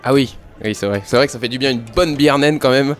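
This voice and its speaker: A man's voice: mid-range voice, fast talker, faint music behind. Stammering man role-playing in character. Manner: hesitant, stammering, repeats words. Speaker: player. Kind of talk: in-character tabletop role-play.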